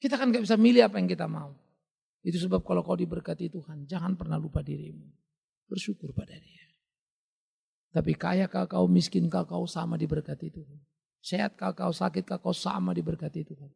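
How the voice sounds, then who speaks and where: A male pastor preaching a lively sermon, swinging between loud bursts and quiet, intimate drops. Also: high voice, fairly quick, gravelly, breathy edge, in a large hall. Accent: Indonesian.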